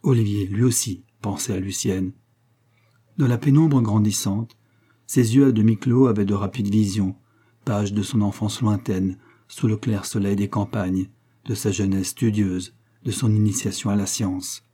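A man narrating a novel as an audiobook reader, in a measured, literary reading style. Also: lowish voice, steady tone, warm tone, husky.

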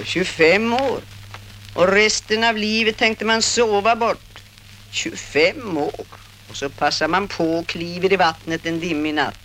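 A woman's voice: low-pitched, a little hiss or hum. A woman playing a scornful old river spirit. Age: older. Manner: scolding, mocking, swings from growl to shout. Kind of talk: radio play acting.

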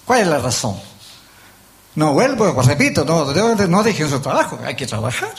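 Older Chilean man, gravelly high voice. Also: wildly swooping pitch, normal speed. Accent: Chilean Spanish. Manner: folksy storytelling, acts out voices. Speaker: lay preacher. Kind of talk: sermon with told stories.

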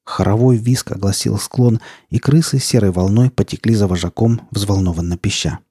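A man reading an audiobook as narrator, in a tense, gritty storytelling manner with steady, measured delivery. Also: on the low side, husky, no echo, clean studio sound.

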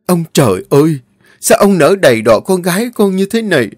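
A man voicing a young mother torn by grief and fury, crying out in a high, strained voice. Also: sing-song, fairly quick, no echo. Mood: anguished wailing. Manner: shrill, sobbing outcries. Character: grief-stricken furious young mother Hiên. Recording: dry close voice, faint music.

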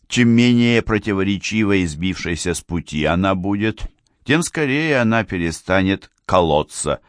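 A man narrating a literary novel in a very low voice, steady and measured in his storytelling. The sound is dry and close, with no room around it. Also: dry recording. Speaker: audiobook narrator.

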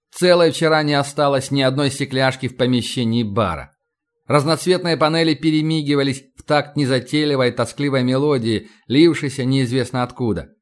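A man narrating an audiobook in a steady, even storytelling manner. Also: mid-range voice.

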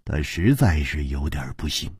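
A man's voice: rumbling low, sing-song, normal speed, a little mellow, breathy edge, no echo, clean studio sound. A man narrating a traditional storytelling performance with dramatic, sweeping intonation.

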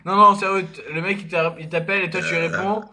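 Jeune homme à voix aiguë, argot de rue. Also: male voice, sits high, level tone, fast talker, a crowd in the background. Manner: slangy, crude, joking. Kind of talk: casual French street slang banter.

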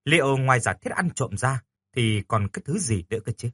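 A male storyteller narrates a first-person romance with an animated, bright delivery. His voice is husky and swings freely in pitch. It is recorded dry and close, with no room sound. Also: fairly quick, dry recording. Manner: lively, stammering in dialogue.

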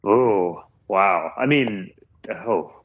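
A man's voice: fairly low pitch, drawn-out words. A man co-hosting a sports podcast from a muffled, cave-like home room, chatting casually and thinking aloud with restarts. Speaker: podcast co-host. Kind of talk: casual sports betting chat. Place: small makeshift home room in a new house, under a blanket.

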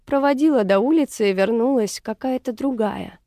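A woman narrating a story in a measured, even reading voice. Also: fairly high pitch, dry recording, clean studio sound. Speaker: audiobook narrator. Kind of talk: scripted narration.

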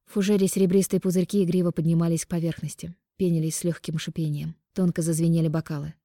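Low-voiced woman reading an audiobook. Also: level tone, fast, dark tone, no echo, clean studio sound. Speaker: audiobook reader. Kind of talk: first-person audiobook narration.

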